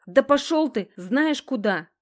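A woman puts on a young woman at the end of her rope, pitched well above the reader's own voice and loud. She whines, sobs and snaps in turn, shrill and quick to flare up, as an audiobook character. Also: natural voice. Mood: snapping. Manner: shrill, sobbing, exclaiming. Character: distraught young woman, tearful and snappish. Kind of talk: audiobook dialogue.

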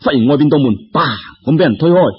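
A storyteller narrates a folk tale in Cantonese, colloquial and dramatic, scattering exclamations and sound words throughout. His husky voice sits on the high side and is expressive and quick, and the lo-fi audio sounds slightly dull.

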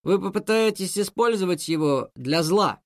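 A man's voice: high voice, animated, normal speed, no room sound, clean studio sound. A man voicing a bold, decisive male cat who leads the others. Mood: determined.

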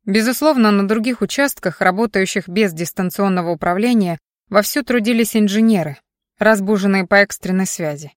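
Measured woman audiobook narrator, dry close sound. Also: mid-range voice, no room sound.

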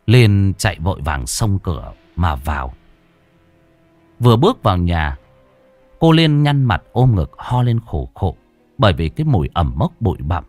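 Male narrator with a lively, dramatic delivery. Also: low voice, no room sound. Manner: dramatic, expressive. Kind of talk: horror story narration.

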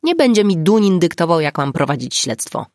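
A woman voicing a gruff, wry male police inspector in an audiobook, blunt and sardonic. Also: fairly low pitch, big pitch swings, fairly quick, darkish tone, no room sound, studio quality.

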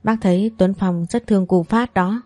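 A woman's voice: mid-range voice, normal speed, darkish tone, dry recording, soft background music, close to an everyday voice. A woman voicing a kindly, fussing older woman in a family story. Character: kindly old grandmotherly woman.

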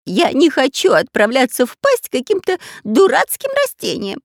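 A woman's voice: high-pitched, wildly swooping pitch, moderate pace, no echo, studio quality, pitched above the performer's own voice, heavily acted. A woman doing a whiny cowardly robber. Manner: whining, squealing, quarrelsome. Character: whiny, cowardly long-nosed male robber. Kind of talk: audiobook character voice.

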